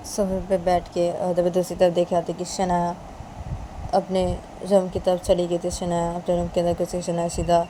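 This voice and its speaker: Mellow-voiced woman telling a story. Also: fairly low pitch, slight background noise. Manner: repetitive, plain retelling. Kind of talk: casual spoken story narration.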